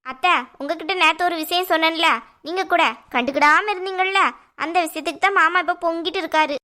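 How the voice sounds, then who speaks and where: A woman's voice: extremely high pitch, fairly even intonation, brisk, pushed and bright. A woman voicing a sly, meddling young sister-in-law in a cartoon, taunting sarcastically in a Tirunelveli Tamil accent. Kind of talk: cartoon voice acting.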